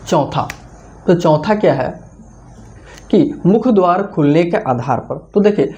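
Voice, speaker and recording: A teacher giving an online exam-prep lesson, who asks questions and answers them, repeats key points, and slowly sounds out each vowel. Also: medium pitch, darkish tone, dull audio. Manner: slows down to say the vowel sounds out clearly. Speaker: Hindi grammar teacher.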